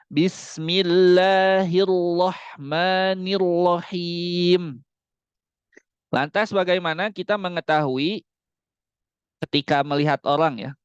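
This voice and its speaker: A man teaching Quran recitation in an online class over a close mic. He explains each rule, then models the words in long, drawn-out recitation. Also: fairly high pitch, no echo, lo-fi sound. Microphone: close mic on a video call.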